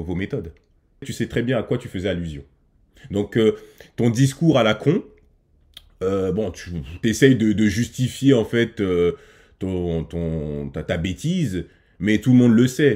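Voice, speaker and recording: A man's voice: fairly low pitch, animated, moderate pace, warm tone. A man talking casually to his viewers as a reaction host, hesitant with many fillers and restarts. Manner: addresses viewers directly.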